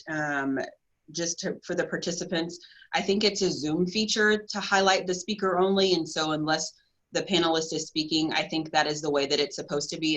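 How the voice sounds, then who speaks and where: A woman's voice: sits low, a bit bright, low-quality recording. A woman moderating an online panel, sharing updates in a casual, informative way. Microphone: video call.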